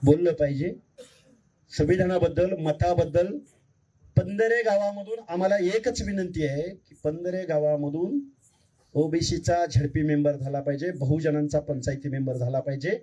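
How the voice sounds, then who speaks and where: A man's voice: fairly high pitch, normal speed, dark tone, far from the mic, rough recording. A man giving an impassioned political speech at a public meeting. He pleads with the crowd and fires rhetorical questions at them. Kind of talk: fiery political rally speech.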